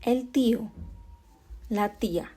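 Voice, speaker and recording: A woman from India with a slightly high, husky, warm voice speaks slowly while teaching a beginner Spanish lesson. She is patient and says each word twice so learners can follow along.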